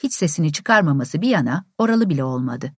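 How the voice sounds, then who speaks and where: A woman narrating an abridged classic novel as a calm, steady audiobook reader. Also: low-pitched, quick pace, husky, dry recording, clean studio sound.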